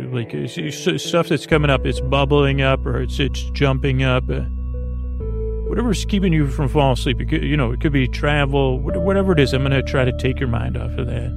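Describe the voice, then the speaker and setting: The podcast host speaks with a creaky, medium-pitched voice on his sleep show. His halting, rambling bedtime monologue wanders through soothing side stories with a light whimsical touch.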